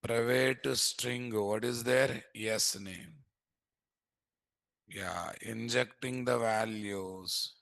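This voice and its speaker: A programming instructor with an Indian accent draws out his words in a mid-range voice with fairly even intonation, vocal fry and a slightly bright quality, with no room sound. He is teaching a live coding lesson indoors at a computer, dropping in frequent rhetorical questions and repeating "what."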